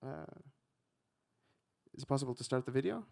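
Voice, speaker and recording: A man from Ecuador, likely in his thirties, giving a relaxed conference talk with frequent ums and a self-deprecating touch. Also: mid-range voice, fairly quick, gravelly. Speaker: conference speaker, researcher.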